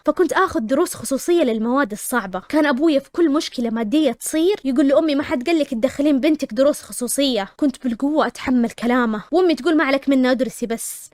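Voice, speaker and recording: A woman narrating a first-person story, lively and dramatic, with asides to her listeners. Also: high-pitched, dry recording, clean studio sound.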